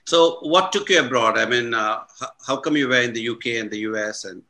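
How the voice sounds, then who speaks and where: A man's voice: mid-range voice, fairly quick, bright, forceful tone. A man working as an interviewer, asking questions in an informal, encouraging, conversational way.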